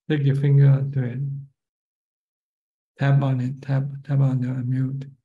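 An older Buddhist monk with a Thai accent, calmly explaining Dharma on a video call. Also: male voice, medium pitch, phone-quality sound. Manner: calm, measured, plain explanations. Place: plain room, seated in office chair.

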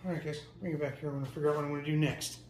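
A man's voice: on the high side, fairly even intonation, racing, a little mellow, slightly rough, poor audio. A man talking casually and matter-of-factly to viewers as he does hands-on mechanical work in a garage, filming himself. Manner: informal, matter-of-fact. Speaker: DIY mechanic filming a build. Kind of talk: casual hands-on explanation to viewers while working. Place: garage workshop, working on a car. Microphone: camera set near the engine, off the speaker.

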